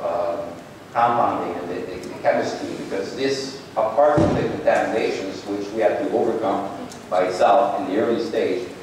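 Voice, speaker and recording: A man giving a conference keynote in a large ballroom, speaking haltingly with many restarts. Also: on the low side, darkish tone, slight background noise. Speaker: company president giving a keynote. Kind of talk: conference presentation. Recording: echoey ballroom from far off.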